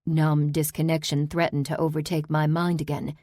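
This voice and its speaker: Female audiobook narrator, low-pitched, tense and clipped, dry close read. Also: flat delivery, moderate pace, a little mellow, no echo. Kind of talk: first-person audiobook narration.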